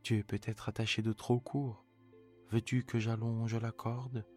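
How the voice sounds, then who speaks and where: A man's voice: mid-range voice, flat delivery, measured pace, soft background music, pitched above the performer's own voice, natural voice. A man voicing a fond, worried old farmer who pleads and exclaims, in a bedtime story reading. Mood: pleading, alarmed.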